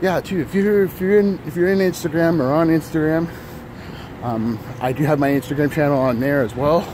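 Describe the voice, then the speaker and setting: On an early-morning city street, a man in his thirties vlogs into a phone held at arm's length, speaking fairly quickly in a fairly high voice. The chat is casual and rambling, full of fillers and restarts, and he's a bit breathless from walking. Traffic and city noise sit in the background of the phone audio.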